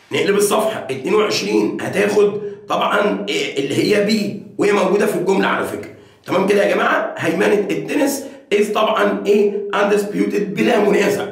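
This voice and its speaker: A man with an Egyptian Arabic accent, an English teacher going over homework and often checking in with his students. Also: high-pitched. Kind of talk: homework review lesson. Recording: very echoey room.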